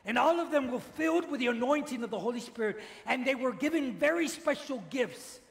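A man's voice: very high-pitched, fairly quick, creaky. A man, a priest, giving a teaching sermon in a large church and having the congregation repeat phrases after him. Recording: echoey church with long reverb.

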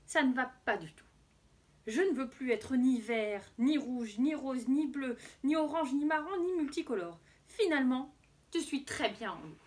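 Teacher lady putting on a grumpy big wolf from a picture book, high and swoopy, groans at everything. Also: big pitch swings, takes it slowly. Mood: resolved. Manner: exclaiming, sighing at himself.

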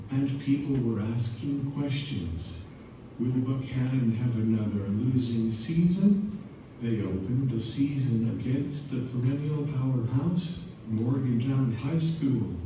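A man's synthetic text-to-speech voice giving a scripted motivational pep speech in a measured, machine-like delivery, played through a speaker in a large room. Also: mid-range voice, mellow. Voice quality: synthetic text-to-speech voice from an eye-controlled speech device. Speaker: motivational guest speaker, former high school quarterback. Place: large indoor school weight room. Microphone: device speaker picked up by far camera. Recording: echoey, noisy room, distant from camera.

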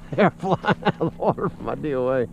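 A man hosting a fishing show from his kayak on an open lagoon, giving excited, laughing commentary to viewers, picked up by an action camera outdoors. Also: fairly high pitch, moderate pace, gravelly, muffled recording, a little hiss or hum. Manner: animated, laughing, calls out to viewers. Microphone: action camera mounted on the kayak.

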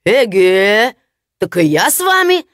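A woman voicing a silly, cheerful young peasant lad who boasts, laughs and shouts. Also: medium pitch, sing-song, slow pace, no echo, studio quality. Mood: gleeful.

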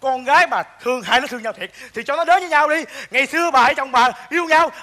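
An actor playing a bossy middle-aged man who poses as a robber, in a comic stage sketch, gruff and scolding. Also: very high voice, fast talker, bright, forceful tone.

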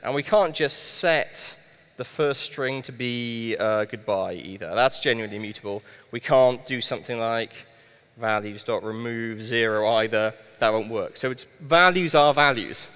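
Speaking at a normal pace in a clean, fairly bright, medium-pitched voice, a man from Wales in his thirties gives a live-coded tech talk. He's on a big conference stage with a headset mic, adding dry asides, and the hall's reverb rings long.

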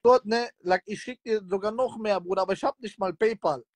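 A high-voiced man in his thirties chats casually on a livestream. His speech is colloquial street slang sprinkled with Arabic expressions, picked up dry and close on a phone. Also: a little fast, no echo. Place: indoors, lying in bed in a room. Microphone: phone held close, video call livestream.

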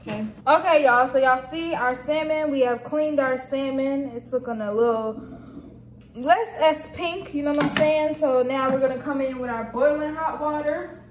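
Chatty and slangy in a folksy, informal way, this young American woman demonstrates cooking for viewers at normal speed in a high voice. The home kitchen recording is echoey and carries noticeable background noise.

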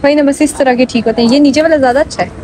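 A woman's voice: high-pitched, fairly even intonation, racing, background noise. A young woman, vlogging while she walks through a big shopping mall, talking into a phone at arm's length in a chatty, rambling way. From Pakistan. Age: young adult. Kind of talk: casual walking vlog. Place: large indoor shopping mall. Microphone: phone held at arm's length. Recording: busy mall ambience behind.

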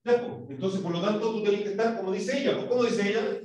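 A man's voice: sits high, fast talker, darkish tone. Chilean guy teaching english class, asks lots of questions, far from the mic, kinda echoey. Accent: Chilean Spanish. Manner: questioning, drills pronunciation. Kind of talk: classroom lesson.

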